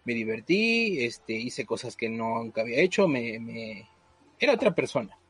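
A man's voice: medium pitch, very animated, moderate pace, a bit bright, breathy edge, no room sound. A man hosting a casual podcast chat, hesitant and full of fillers. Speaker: podcast host.

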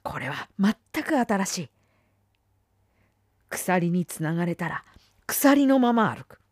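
A woman reading a literary essay aloud, dramatic, swinging between firm declarations and hushed whispers. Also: lowish voice, big pitch swings, slow pace, no room sound, clean studio sound. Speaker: reader.

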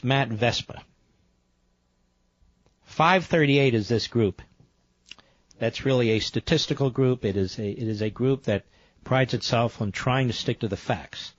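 A man's voice: no room sound, highs cut off. An American man, a talk radio host, delivering an emphatic infomercial-style read. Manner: emphatic sales pitch, repeating offers and phone number.

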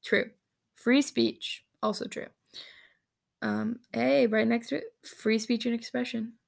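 A woman vlogging on her own, reading answers aloud and reacting with giggles and quick asides. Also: fairly high pitch, steady tone, gravelly. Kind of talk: casual solo chat.

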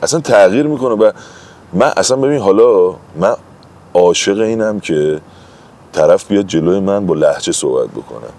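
A man's voice: low voice, expressive, warm tone. A man talking as a guest in a casual conversation, telling anecdotes in an emphatic, chatty way.

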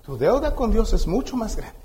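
A man's voice: sits high, sing-song, normal speed, mellow, rough recording. A man with a Mexican accent preaching a sermon as pastor, talking conversationally and acting out scenes.

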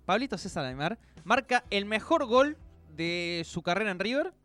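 A man with an Argentine accent talks football as a show presenter. His voice sits high and moves up and down animatedly, with emphatic phrasing in a conversational style. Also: lively intonation, moderate pace, pushed and bright, soft background music. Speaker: sports radio show presenter. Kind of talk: conversational football nostalgia segment.

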